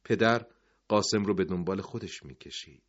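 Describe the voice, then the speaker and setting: A man narrating a dramatic story, dropping to hushed tones at the end of sentences. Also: deep voice. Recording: dull lo-fi recording.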